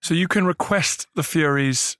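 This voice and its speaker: A man's voice: on the high side, moderate pace, a bit bright, dry recording, clean studio sound. A man hosting a casual discussion, asking questions and chipping in with wry remarks.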